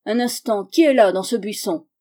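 A sharp, decisive male detective, voiced by a woman reader for an audiobook. The delivery is clipped and direct, with a warm, mellow tone. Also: medium pitch, moderate pace, close to an everyday voice. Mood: brisk.

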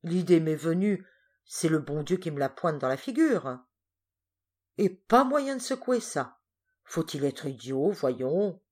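A woman's voice: low voice, big pitch swings, measured pace, a little mellow, breathy edge, exaggerated voice. A woman reading aloud, voicing a dejected male thief who grumbles in slangy, self-mocking complaints. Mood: rueful.

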